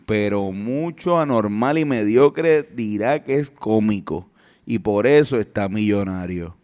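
A man's voice: lowish voice, lively intonation, unhurried, a little mellow. A man hosting a comedy reaction show, reading viewer comments with many fillers. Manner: reads comments aloud, hesitant fillers.

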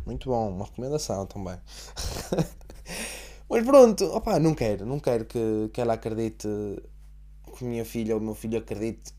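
A man's voice: medium pitch, warm tone. A young man with a European Portuguese accent talks through a casual solo podcast monologue. He rambles from point to point, jokes with himself and swears freely. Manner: rambling, profane, jokey. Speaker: podcast host.

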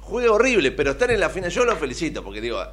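Lively Argentine man telling stories. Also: fairly high pitch, rapid-fire, breathy edge. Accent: Argentine (Rioplatense). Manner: animated storyteller, laughs often. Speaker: radio host. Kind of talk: casual chat.

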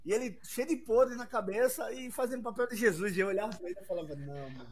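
A co-host trading fast jokes in casual banter on a comedy talk show. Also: medium pitch.

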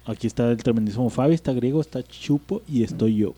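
A Mexican man with a middle-pitched, mellow voice hosts a casual podcast. He rambles in thick everyday slang, joking as he goes. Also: quick pace, breathy edge. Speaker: podcast host. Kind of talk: casual comic podcast chat.

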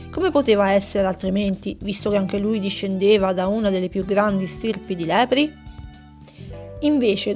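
A woman narrating a children's story in a steady, gentle storytelling manner. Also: mid-range voice.

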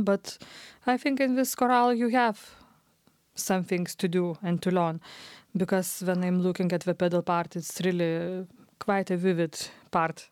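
A woman organist co-hosting a talk about organ music, speaking in a measured, agreeable way. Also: medium pitch, a little mellow, dry recording, studio quality. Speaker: organist and podcast co-host. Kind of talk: casual discussion.

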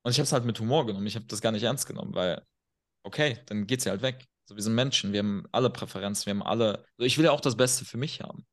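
A man's voice: on the low side, quick pace. A man chatting on a podcast as a guest coach, telling stories in a blunt, self-assured way. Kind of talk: casual podcast chat.

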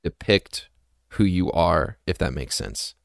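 A man's voice: sits low, lively intonation, gravelly, dry recording, clean studio sound. Chatty young man hosting a podcast. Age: 20s. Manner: chatty, filler-heavy, quick to laugh. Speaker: podcast host. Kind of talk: casual interview chat.

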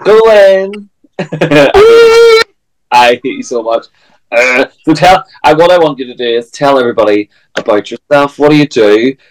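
A man's voice: medium pitch, animated, normal speed, low-quality recording. A man hosting a podcast, chatting casually and teasing his guest with playful banter. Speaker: podcast host. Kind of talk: casual chat.

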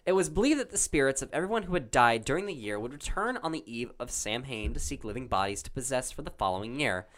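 A man casually reading Halloween trivia questions aloud to a friend, halting and restarting, laughing often. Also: medium pitch, expressive, fairly bright tone. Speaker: quiz reader.

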